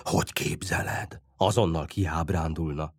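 A man's voice: lowish voice, very animated, darkish tone, breathy edge, no echo, studio quality. A man voicing Bütyök, an earnest lovesick teenage boy. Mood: earnest, hurt.

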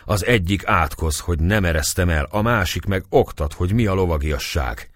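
Man doing a gruff blustering castle lord. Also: deep voice, no room sound, studio quality.

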